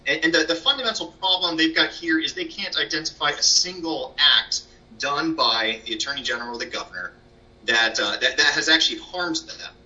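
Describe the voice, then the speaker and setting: Guy lawyer doing formal oral argument, really sharp forceful voice, slightly muffled distant mic. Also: a little high, brisk. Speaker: lawyer, state solicitor general arguing an appeal. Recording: dull, distant microphone pickup.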